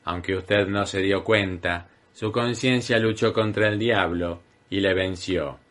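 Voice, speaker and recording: A man voicing a solemn male professor in an audiobook, speaking slowly and gravely. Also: deep voice, steady tone, a bit bright.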